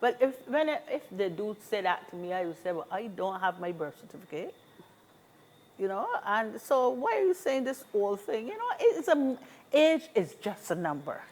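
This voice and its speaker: Speaking as an interview guest, this seniors' advocate in her sixties, with a Barbadian accent, offers upbeat advice and stresses her points by repeating them. Her mid-range voice is very animated and a little mellow, at a moderate pace, with slight background noise.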